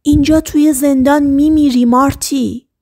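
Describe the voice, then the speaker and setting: A woman's voice: high voice, steady tone, dark tone, pitched above the performer's own voice. Woman reading as an insistent, eager male friend.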